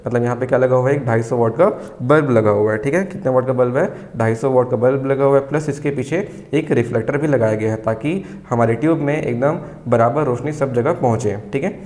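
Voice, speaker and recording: A young man teaching a civil engineering lesson. He dictates English notes slowly, then explains them in repetitive chat, answering his own questions as he goes. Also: mid-range voice, darkish tone.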